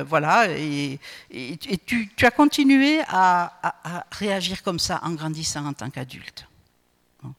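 A woman's voice: mid-range voice, a bit bright. A woman preaching a sermon in a chatty way, often checking in with her listeners with a questioning "hmm?" and stumbling over repeated words. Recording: long hall reverb.

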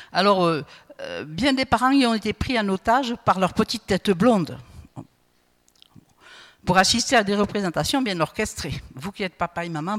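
A woman's voice: medium pitch, a bit bright. Woman preaching in a reverberant hall. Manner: conversational, checks in with listeners with a questioning "hmm?"; stumbles and repeats words while searching. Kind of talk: sermon.

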